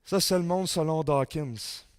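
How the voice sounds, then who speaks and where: A man with a Québécois French accent giving a sermon-style talk in a church, reading quotes with rising force and dropping low for emphasis. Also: unhurried, clean tone, no room sound, studio quality. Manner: reads quotes aloud with rising intensity, drops low for emphasis. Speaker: conference speaker.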